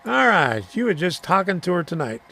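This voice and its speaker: This middle-aged man from Florida speaks in a high, gravelly voice with a sharp tone, big pitch swings, and a slightly fast pace. Hosting a live stream, he rambles through viewer comments in casual chat, chuckling as he goes.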